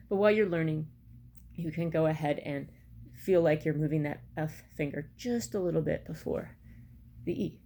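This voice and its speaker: Lower-voiced middle-aged woman teaching music. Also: a little mellow. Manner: step-by-step, counting out beats. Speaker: bagpipe practice chanter teacher. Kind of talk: instructional music lesson to camera. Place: small room at home, indoors. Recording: clear background noise, home recording. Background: metronome clicks at times, room noise.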